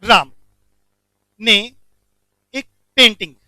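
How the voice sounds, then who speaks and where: Animated high-voiced man lecturing students. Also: drawn-out words, no echo. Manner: animated, asks students questions and answers them. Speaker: commerce lecturer. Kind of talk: classroom lecture.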